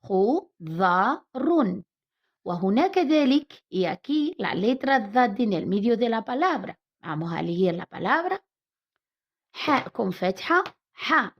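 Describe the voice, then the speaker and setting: A woman teacher with a Moroccan Arabic accent, slowly sounding out letters and words in a reading lesson and explaining in both Arabic and Spanish. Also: fairly high pitch, sing-song. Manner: slow, drawn-out syllable-by-syllable reading. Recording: dull lo-fi recording.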